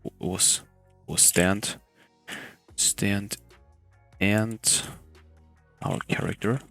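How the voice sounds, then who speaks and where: A young man talks through a casual game development tutorial in a hushed, quiet-at-night voice. It sits low and has a gravelly fry to it. The sound is close and dry, with faint music underneath. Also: steady tone, extremely slow. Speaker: tutorial host.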